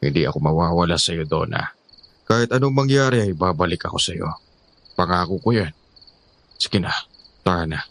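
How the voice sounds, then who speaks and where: A man voicing a protective young husband in an audio horror story, steady and reassuring. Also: mid-range voice, normal speed, pauses often, pitched above the performer's own voice, lightly acted.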